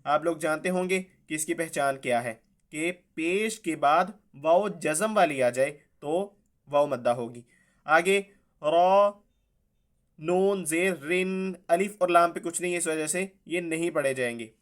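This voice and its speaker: Slow, clear-voiced man teaching recitation. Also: a little high. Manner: spells letters and vowel marks aloud, then recites drawn out. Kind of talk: slow spelled-out tajweed lesson.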